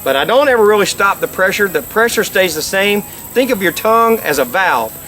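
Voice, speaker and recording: A middle-aged man with a notably high voice presents a practical how-to lesson. He explains each step and restates key points for emphasis, speaking outdoors. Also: expressive, moderate pace, pushed and bright. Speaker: instructor, game call company presenter. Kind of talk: instructional how-to demonstration. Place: outdoors by a lake.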